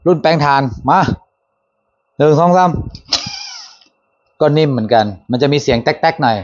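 A man hosting a handyman channel, talking casually through a tool demo, relaxed and chatty with fillers and self-corrections. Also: on the high side, normal speed. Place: workshop or garden. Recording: dull lo-fi sound.

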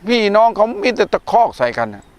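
A man's voice: high-pitched, very animated, fast talker, darkish tone. A man, a Buddhist monk from northeastern Thailand, hosting a casual religious talk show and telling stories with many "er" fillers. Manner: chatty storyteller, many "er" fillers. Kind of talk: casual discussion on a religious TV program.

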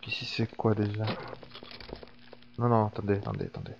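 A man's voice: fairly low pitch, huge pitch swings, brisk, gravelly, a little hiss or hum. A man giving casual gameplay commentary, chatting and swearing as he thinks aloud. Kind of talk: casual let's-play commentary. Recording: dull lo-fi sound with faint background ambience.

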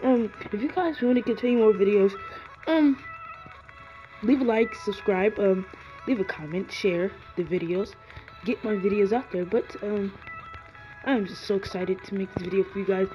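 Shivering in a chilly garage, this man delivers earnest, meandering commentary on his gameplay at a moderate pace, his voice sitting high. Ums and likes pile up as he goes. He's a gaming YouTuber, recorded in dull lo-fi sound under loud music.

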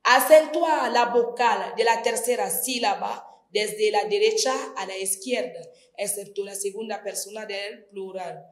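Slow, echoey woman teaching grammar. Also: medium pitch. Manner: slow, deliberate, spells out each verb form. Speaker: Spanish teacher. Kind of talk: distance-learning grammar lesson. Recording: echoey room.

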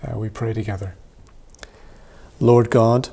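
A man in his thirties leading worship as a priest, reading prayers in a measured, solemn way in a small church room. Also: fairly low pitch, flat delivery, creaky, warm tone, slight background noise. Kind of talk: liturgical reading.

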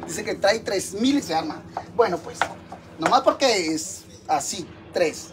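A man's voice: sits high, animated, a little slow, noisy background. A man with a Mexican accent chatting to viewers from his home kitchen while he cooks, campy, teasing and crude. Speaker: live streamer. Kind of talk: live stream chat while cooking.

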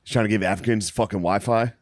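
Deep-voiced deadpan man riffing. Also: fast, no room sound. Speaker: podcast co-host. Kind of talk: casual comedic banter.

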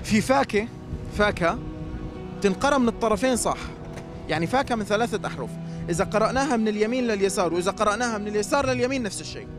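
A young man with a Syrian Arabic accent hosts a cheerful outdoor street quiz interview at a scrapyard, speaking into a handheld mic. His high, animated voice is fast and teasing, with music playing behind him.

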